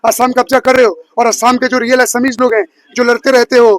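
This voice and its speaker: A man's voice: extremely high pitch, flat delivery, fairly quick, no echo, clean studio sound. A man from Bihar speaking angrily in a street interview, confronting and insulting critics. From Bihar, India. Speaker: bystander interviewee.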